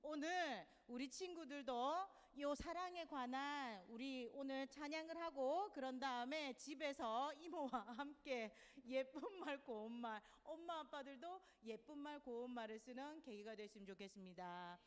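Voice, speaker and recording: A woman from Busan with a Gyeongsang accent, a church teacher talking gently and chattily to children. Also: high-pitched, normal speed, hardly any pauses, big-room sound. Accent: Busan Gyeongsang Korean. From Busan, South Korea. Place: church hall.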